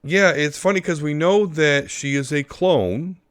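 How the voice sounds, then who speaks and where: A man co-hosting a podcast in casual chat, laid-back and thinking aloud with pauses. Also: on the high side, fairly bright tone, dry recording, clean studio sound. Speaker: podcast co-host.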